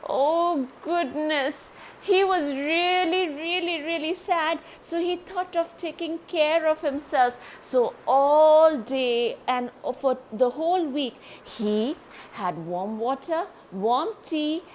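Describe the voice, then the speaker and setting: A woman reading a children's story aloud, animated and speaking directly to young listeners. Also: high voice, takes it slowly, a little hiss or hum.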